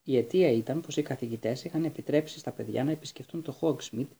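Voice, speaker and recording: Male storybook narrator, steady measured reading, dark tone, husky. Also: medium pitch. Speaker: audiobook reader.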